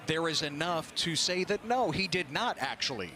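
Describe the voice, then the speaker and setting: Animated and fairly high-pitched, this commentator explains live football action conversationally at a normal speed. The outdoor stadium ambience comes through clearly.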